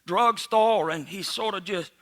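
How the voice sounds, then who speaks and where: A man's voice: high voice, measured pace, a bit bright. A man with a Cajun accent telling a comic story in a folksy, rambling way, often repeating his phrases. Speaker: comedian, joke teller.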